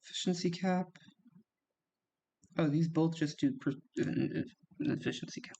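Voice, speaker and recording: Man, gaming commentary, slow unhurried delivery, slightly high voice, chatty reactions. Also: fairly even intonation, gravelly, mellow. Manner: chatty, reacts aloud with gasps and laughs while playing. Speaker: gaming YouTuber. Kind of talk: casual strategy game commentary.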